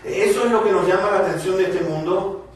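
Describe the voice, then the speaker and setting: A pastor preaches a sermon in a church hall, his high, brisk voice rising and falling emphatically as he addresses the congregation. The mic is distant, so he sounds far away in a very echoey hall.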